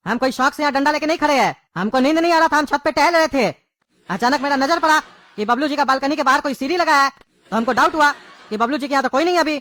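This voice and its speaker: A woman's voice: high-pitched, a bit bright, no room sound. A woman, playing an irritable father in a comedy sketch. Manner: fast, irritable.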